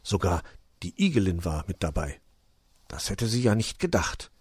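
Male narrator for a children's audio story, lively delivery, dry close sound. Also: low voice, moderate pace, breathy edge, no echo. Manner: expressive, storytelling.

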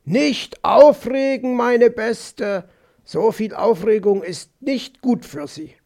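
A man doing a smug, fussing fox gentleman. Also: extremely high pitch, slow, gravelly, heavily acted. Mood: soothing. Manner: soothing, patronizing and persistent. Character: smug, overly solicitous male fox. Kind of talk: audiobook character voice.

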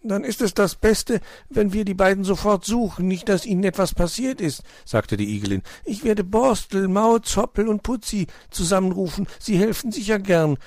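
A man voicing a brisk, motherly female hedgehog who snuffles as she talks. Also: expressive, creaky, a little mellow, dry recording, studio quality. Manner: high, brisk, snuffling "nuff nuff".

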